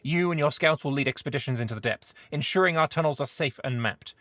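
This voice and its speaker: A man's voice: on the high side, quick pace, fairly bright tone, no room sound, pitched above the performer's own voice, natural voice. A man reading the lines of a stern, commanding male dwarf emperor, giving firm, declamatory orders.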